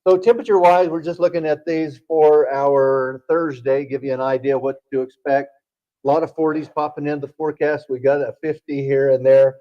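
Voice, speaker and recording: A man's voice: fairly high pitch, fairly even intonation, a little fast, mellow, lo-fi sound. A man working as a TV meteorologist, explaining the forecast in a folksy way with frequent fillers. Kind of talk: broadcast weather chat.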